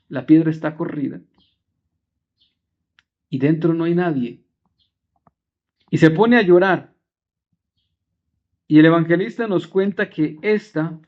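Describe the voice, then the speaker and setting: A man, a priest, preaching a homily from the pulpit in short, earnest phrases and slowing down to stress key words. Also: fairly high pitch. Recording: dull lo-fi recording.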